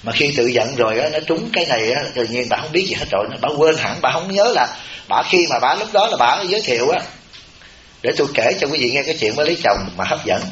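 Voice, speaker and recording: A man's voice: mid-range voice, fast talker. A man with a Southern Vietnamese accent, a Buddhist abbot giving a humorous, chatty dharma talk to a retreat audience. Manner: chatty storytelling, animated when quoting others. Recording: roomy, dull, noisy temple hall recording.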